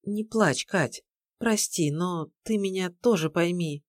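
A woman's voice: on the low side, takes it slowly, dry recording, clean studio sound. A woman reading an audiobook, voicing a curt, tense young man speaking firmly. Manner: curt, firm.

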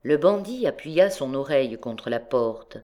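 A woman narrating a classic novel as an audiobook, with measured, expressive storytelling. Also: very deep voice.

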